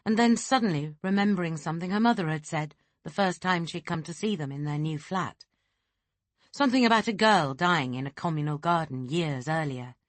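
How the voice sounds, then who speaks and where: A woman narrating a thriller audiobook in a steady, unhurried way. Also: low-pitched, dry recording. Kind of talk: scripted narration.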